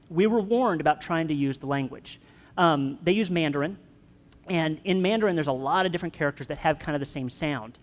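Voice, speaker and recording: Pastor preaching in a reverberant hall. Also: male voice, fairly high pitch. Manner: conversational, joking with the congregation. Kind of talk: sermon.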